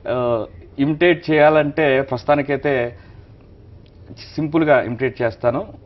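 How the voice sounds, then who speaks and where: A man's voice: medium pitch, moderate pace, muffled recording. A man, a mimicry artist, answering politely as a studio interview guest. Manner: polite, deferential replies.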